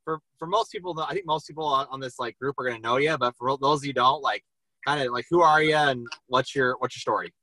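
A male interview host with a bright, forceful tone who circles around his questions and fills them with "like." His voice is recorded dry and close, with no room sound. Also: medium pitch, fast, no room sound, poor audio. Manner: rambling, filler-heavy questions with lots of "like". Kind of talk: casual interview.

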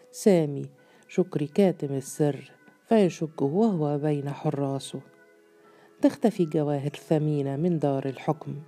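A man reads a literary tale aloud in a steady, formal narration. His voice is very dark and mellow, and faint music runs beneath the reading. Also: on the high side. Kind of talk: scripted audiobook narration.

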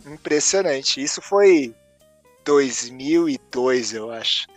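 A man in his thirties with a Brazilian Portuguese accent, telling an animated story in casual chat, stressing words and repeating himself for effect. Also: mid-range voice, takes it slowly, no room sound, soft background music. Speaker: podcast co-host.

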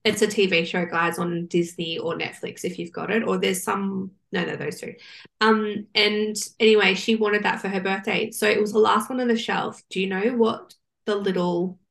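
A woman in her thirties co-hosting a casual chat show. She tells stories candidly and at length, and her voice has a gravelly, fry-touched texture. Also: mid-range voice, fairly even intonation, moderate pace, a bit bright. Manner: candid, rambling storytelling. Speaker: podcast co-host.

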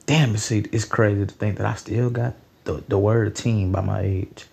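19 yr old guy doing a solo podcast, low gravelly voice, swears a lot, rambles. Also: steady tone, moderate pace, warm tone. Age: late teens. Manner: rambling, profane, loose and conversational. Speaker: podcast host.

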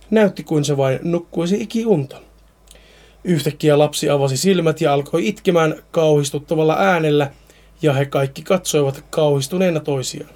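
Man reading a horror story aloud, mellow. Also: fairly high pitch. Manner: stumbles and repeats words while reading.

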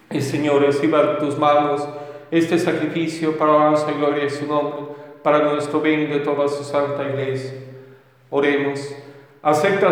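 A man, a priest celebrating Mass, reciting liturgical prayers in a measured, solemn, steady way, with a cathedral echo. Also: fairly high pitch. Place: large church. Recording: heavy echo with long church reverb.

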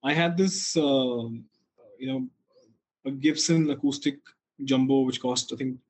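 A man's voice: medium pitch, measured pace, a little mellow, rough recording. A man with a North Indian accent talking casually as an interview guest, telling things in a reflective, hesitant way. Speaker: guest, coffee roaster.

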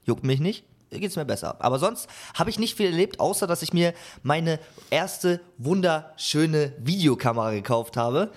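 A young man co-hosting a podcast, chatting casually and telling stories with animated, acted-out exchanges. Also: fairly high pitch, moderate pace, few pauses. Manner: animated storytelling, acts out quoted exchanges. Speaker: podcast co-host. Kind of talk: casual chat.

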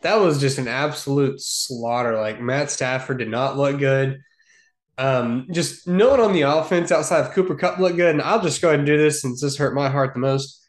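A man's voice: mid-range voice, normal speed. A man chatting casually as a sports podcast co-host in an informal, slangy way. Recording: echoey, roomy sound.

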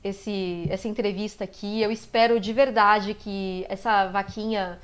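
A woman's voice: mid-range voice, steady tone, unhurried, smooth. A young woman with a Brazilian Portuguese accent hosting a casual live-stream interview, enthusiastic and gushing, laughing often. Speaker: interview host.

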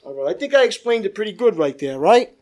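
A man's voice: high voice, big pitch swings, quick pace, a little mellow, lo-fi sound. A man preaching a church sermon in an emphatic manner, stretching out key phrases and checking in with the congregation. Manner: calls for amens from listeners.

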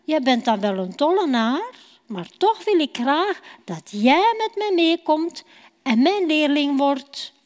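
A woman voicing a kind, gentle male teacher in a children's Bible story. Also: sits high, big pitch swings, slow pace, heavily acted. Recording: long church hall reverb.

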